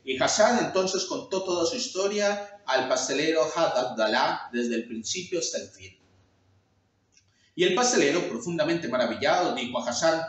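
A man reading a classic tale aloud in a measured storytelling manner. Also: a little high, lively intonation. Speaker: reader of a tale. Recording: very echoey room, mic far off.

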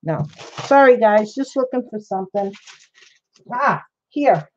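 A woman with an animated, mid-range voice chats casually with livestream viewers while working on a craft project, speaking a little slowly. She rambles and answers chat by name, over slightly dull lo-fi stream audio with background noise.

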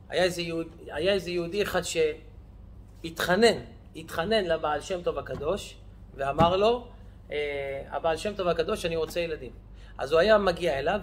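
A male rabbi telling stories in a lesson, lively, acting out the characters' voices. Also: a little high, a little hiss or hum. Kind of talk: storytelling lesson.

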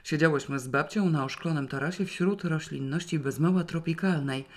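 An audiobook reader telling a novel in the first person. The storytelling is wry and lively, moving easily between narration and dialogue. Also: mid-range voice, normal speed.

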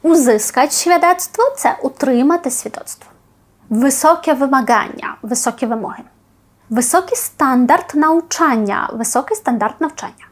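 A woman teaching a Polish vocabulary lesson, saying each phrase and then giving its Ukrainian equivalent, with slow, careful enunciation. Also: high-pitched, lively intonation.

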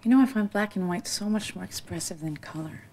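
A woman's voice: lowish voice, brisk, darkish tone, a little hiss or hum, close to an everyday voice. An actress playing a frank, sardonic young woman. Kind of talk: film dialogue.

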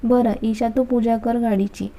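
A woman's voice: fairly high pitch, level tone, a little slow, warm tone, poor audio. A woman voicing an anxious middle-aged mother who talks hesitantly. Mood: worried.

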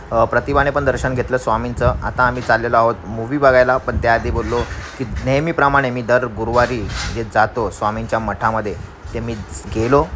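A man's voice: mid-range voice, background noise. Chatty man vlogging on a phone. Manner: chatty, addresses viewers directly. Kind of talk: casual family vlog chat.

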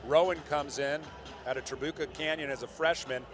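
An older man doing lively play-by-play sports commentary, excitable and joking as he calls the action. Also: fairly high pitch, music in the background. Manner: excitable, jokey, quick corrections. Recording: broadcast commentary over loud arena crowd.

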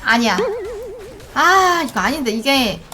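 A woman streaming a game, giving live gameplay commentary in an excitable way, pleading and groaning at each roll. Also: high-pitched, moderate pace, over loud music.

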